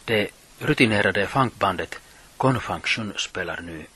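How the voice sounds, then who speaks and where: A middle-aged man presenting a radio show, reading his script in a measured, plain way. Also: deep voice, animated. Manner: reads from notes, measured and plain.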